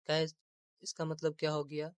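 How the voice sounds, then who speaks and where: A man's voice: a little high, completely flat delivery, smooth, no echo. A man teaching an Urdu grammar lesson, repeating terms and asking rhetorical questions as he explains, with English words mixed in.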